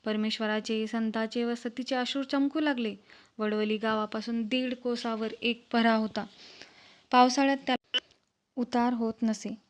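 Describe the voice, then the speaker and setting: A woman narrating a classic book in a steady, expressive storytelling manner. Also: a little high. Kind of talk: literary book reading. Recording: slightly dull, lo-fi recording.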